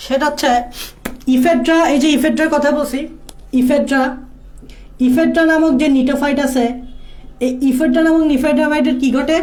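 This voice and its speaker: In a casual exam-prep lecture, a woman tutors biology, repeating key points and making sure students keep up. Her high voice has a darkish tone and fairly even intonation, and she moves at a moderate pace with frequent pauses.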